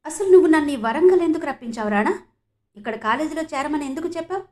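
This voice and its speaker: A woman voicing a sharp-tongued young student who answers back defiantly and firmly. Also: sits high, animated, fast talker, voice pushed up. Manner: cutting, defiant, retorting. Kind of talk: audiobook character reading.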